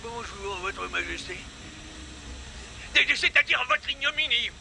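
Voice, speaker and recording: An actor in a cartoon dub playing a bumbling, obsequious army general with a gravelly voice, reporting to his master. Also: very high-pitched, lively intonation, unhurried, bright, forceful tone, slight background noise, heavily acted. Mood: servile, flustered. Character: bumbling, servile reptile army general henchman. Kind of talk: animated series dub. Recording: music behind the voice.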